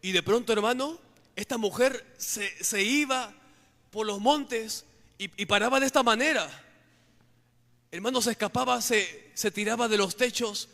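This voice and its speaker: A man's voice: extremely high pitch, moderate pace, vocal fry, bright, forceful tone, big-room sound. A man preaching a testimony sermon, fervently calling his listeners "brother" again and again. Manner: fervent, calls listeners "hermano" constantly.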